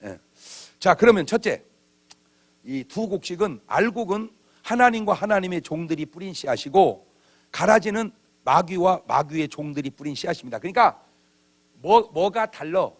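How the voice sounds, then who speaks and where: A man's voice: high voice, expressive, normal speed. A man preaching a revival sermon in a church, with humor and acted-out bits of dialogue. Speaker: pastor. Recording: old church video.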